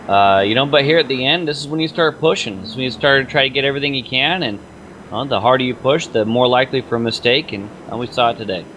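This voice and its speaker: A man giving measured, analytical color commentary on a sim race broadcast. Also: medium pitch, fairly bright tone, a little hiss or hum.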